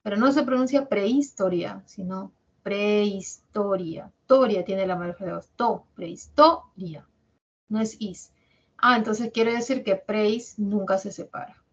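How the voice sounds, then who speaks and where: A Peruvian woman teaches a language class, drawing out each example word one syllable at a time. Her voice sits at an ordinary middle pitch. The recording sounds dull and lo-fi. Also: normal speed. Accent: Peruvian Spanish. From Peru. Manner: explains patiently, drawing out example words syllable by syllable. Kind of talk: classroom lecture on syllable division.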